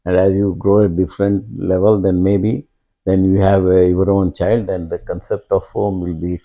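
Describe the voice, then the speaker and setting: An older man, speaking slowly and reflectively as an interview guest, pausing often and restarting his sentences. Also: deep voice, flat delivery, mellow, dull audio. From India. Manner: halting and reflective, many fillers and restarts. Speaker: guest, father of host. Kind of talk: conversational interview.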